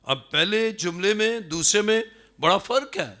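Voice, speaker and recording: A man with a Pakistani Urdu accent preaching a sermon, emphatic, acting out the words of people in the story with swings in pitch. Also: expressive, sharp tone. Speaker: pastor.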